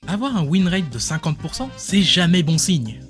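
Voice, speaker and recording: A man's voice: a little high, sing-song, moderate pace, a bit bright, soft background music. A man doing comedic commentary on a video, sarcastic, with joking asides. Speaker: YouTuber.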